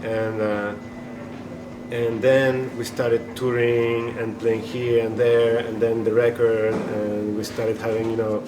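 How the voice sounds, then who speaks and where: A man's voice: mid-range voice, monotone, slow pace. A man from Chile, a band member being interviewed, talking casually and rambling with many restarts and fillers. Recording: echoey room with noisy ambience.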